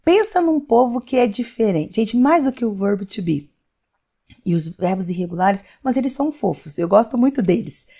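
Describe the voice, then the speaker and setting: A young woman from Brazil teaches English grammar in a friendly online lesson, her voice sitting a little high. She keeps the talk chatty with tag questions and drawn-out words, and often speaks a student's question herself before answering it. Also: expressive, warm tone, breathy edge.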